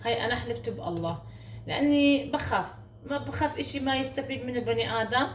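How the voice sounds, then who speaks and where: Chatty fast-talking woman from Morocco, echoey kitchen. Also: fairly high pitch, background noise. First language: Moroccan Arabic. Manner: chatty, repeats words, coaxing viewers with endearments. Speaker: home recipe vlogger. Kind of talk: casual chatty home tutorial. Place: home kitchen. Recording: roomy echo, voice heard from a distance.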